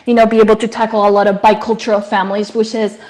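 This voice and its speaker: Over a rough-sounding recording, a Spanish-speaking founder from Colombia earnestly explains her startup on a video call, restarting often and using many fillers. She talks quickly in a mid-range, slightly mellow voice with little pitch movement.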